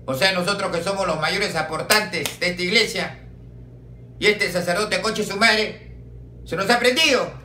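A man's voice: high voice, moderate pace, roomy sound, a little hiss or hum, voice pushed up. Man doing a ranting Argentine churchgoer. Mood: outraged. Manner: shouting, rising rant. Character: furious male Argentine churchgoer, ranting and swearing.

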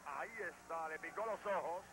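A man's voice: fairly high pitch, moderate pace. A man commentating as a lucha libre announcer, calling each move emphatically, on an old degraded TV tape. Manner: emphatic, running blow-by-blow calls. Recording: noisy, degraded 1980s TV tape.

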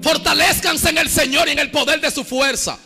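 High, bright shouting preacher man. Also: brisk, faint music behind. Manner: shouting, sing-song preaching with call-and-response to the congregation. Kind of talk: Pentecostal sermon. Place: church service.

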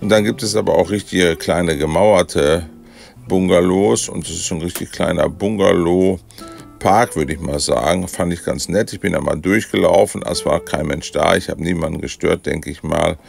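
A man giving a relaxed, chatty voice-over tour of a campsite, with many hesitation fillers. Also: low-pitched, moderate pace, gravelly, soft background music. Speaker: motorhome travel vlogger.

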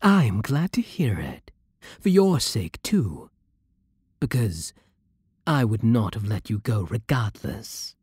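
A man plays a seductive, imperious vampire king, speaking in a British accent with a soft, very breathy, hushed voice. His dark, mellow tone swings expressively in pitch as he slowly issues possessive commands, sounding smug and fully in character. This intimate ASMR roleplay has a dry, close sound with no room ambience.

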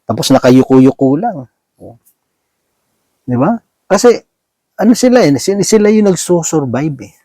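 Dry-sounding man preaching, chatty and high. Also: big pitch swings, measured pace, pauses often, dark tone, no room sound. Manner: peppers speech with tag questions to the listeners; mixes English words into Filipino speech. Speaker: lay preacher. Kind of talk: conversational sermon.

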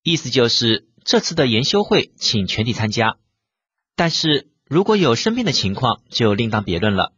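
Husky male teacher with a lively voice. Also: mid-range voice, moderate pace, no echo, lo-fi sound. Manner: methodical, reads example sentences then translates them. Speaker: language teacher. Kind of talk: vocabulary lesson explaining Japanese words.

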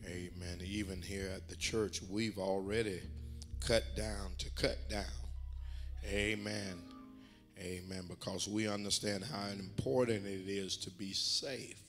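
A man's voice: deep voice, fairly even intonation, a little slow, soft background music. An older man preaching a sermon as bishop in a church, folksy and full of amens, building to emphatic exhortation. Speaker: bishop and pastor. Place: church sanctuary.

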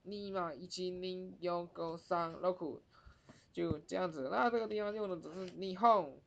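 A woman teaching a Japanese pronunciation lesson in Mandarin, repeating words slowly and drawing out their sounds. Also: lowish voice, gravelly. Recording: dull lo-fi recording.

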